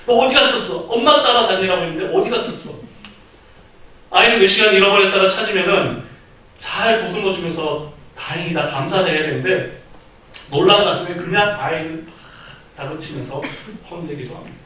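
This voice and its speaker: Echoey storytelling male preacher. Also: high-pitched. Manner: storytelling preacher, acts out quoted speech with sudden loud outbursts. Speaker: pastor. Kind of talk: sermon. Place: church sanctuary. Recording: very echoey hall, mic at a distance.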